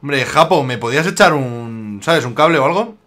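At a normal speed, this animated man with a medium-pitched, fairly bright voice riffs jokingly on his strategy game and retorts to rivals. He's a Spanish YouTuber gamer with a slight Aragonese accent.

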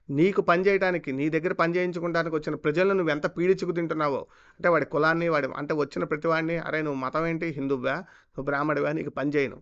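A man rattles off heated commentary at great speed, full of scornful rhetorical questions. His voice is smooth and clear and sits a little high. The recording is dull and lo-fi. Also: a bit bright. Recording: dull lo-fi sound.

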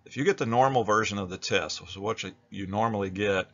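A man's voice: fairly low pitch, quick pace, highs cut off. An American man narrating an instructional video as a teacher, explaining things in a plain-spoken way.

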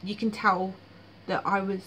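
A woman's voice: mid-range voice, level tone, unhurried, pushed and bright, slight background noise, low-quality recording. A woman vlogging about her dreams in casual, frank, blunt monologue with frequent fillers.

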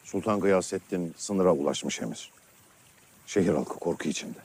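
An actor playing a grave nobleman in a historical drama, giving measured reports. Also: low voice, darkish tone, slight background noise, close to an everyday voice.

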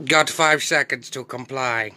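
A bossy robot cop, as a man puts it on barks out clipped, monotone orders in a bright, crisp voice. It talks slowly and mechanically, stating every command like a verdict. The voice sits a little above an average man's. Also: mid-range voice. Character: bossy male robot police enforcer. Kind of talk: comedic skit acting.

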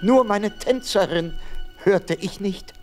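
An actor playing a steadfast, lovesick tin soldier who narrates his own story in a radio play, earnestly and gently. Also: high-pitched, slow, music in the background. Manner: earnest, gentle, proud, sometimes whispering.

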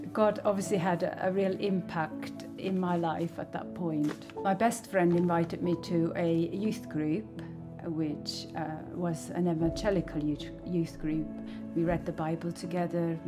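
A lower-pitched woman in her sixties, originally from Switzerland, shares her life story earnestly and reflectively, pausing softly as she goes. She speaks into a stand mic in a small living room. Gentle music plays clearly behind her. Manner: earnest, reflective, with soft hesitations. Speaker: church member sharing her testimony. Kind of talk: personal faith testimony. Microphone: stand mic, camera at medium close-up. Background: soft background music.

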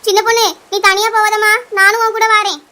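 A woman voicing a caring, worried village mother in a cartoon, calling out loudly and quickly. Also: very high-pitched, steady tone. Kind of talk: cartoon voice acting.

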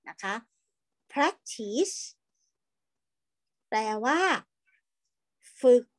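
High-voiced patient woman teacher. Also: sing-song, a little mellow. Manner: patient, coaxing, repeats words slowly for pupils. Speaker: primary school English teacher. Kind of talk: online class for young children.

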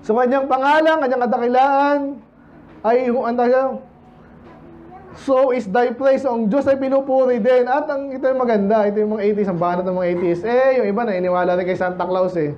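A man with a high-pitched voice preaches to his congregation in a loose, conversational way, throwing questions at the listeners. The recording sounds dull and lo-fi, with a faint hiss underneath. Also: brisk, a little mellow. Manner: conversational, quizzes the congregation, mixes in English. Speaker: pastor. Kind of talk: sermon. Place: church service.

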